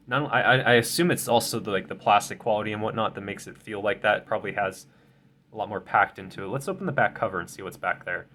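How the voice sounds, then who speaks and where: Sitting at his desk indoors at home, a young man who makes tech videos unboxes a phone and rambles casually, restarting often and correcting himself through ums and stumbles. He sounds tired and a bit stuffy, and his lowish voice is slightly nasal, pushed and bright. A little hiss or hum can be heard.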